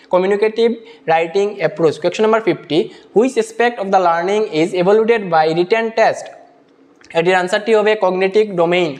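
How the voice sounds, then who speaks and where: A man with a high-pitched voice goes through a teacher-exam paper answer by answer. He reads each English question out slowly, word by word, then explains the answer in Bengali peppered with English terms.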